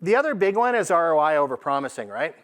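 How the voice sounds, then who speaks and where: Speaking quickly and very animatedly in a slightly high voice, this Canadian man is an AI consultant presenting at a conference. His informal business talk to the live audience is conversational and emphatic, peppered with rhetorical check-ins.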